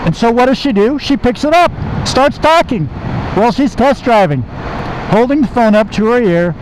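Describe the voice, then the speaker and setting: A man's voice: very high voice, expressive, normal speed. An American man telling stories in a casual motovlog style, talking from inside a motorcycle helmet and repeating phrases for emphasis. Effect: muffled inside a motorcycle helmet. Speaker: motovlogger and car salesman. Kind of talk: casual storytelling to camera while riding. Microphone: microphone inside helmet. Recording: helmet mic with clear engine and road noise.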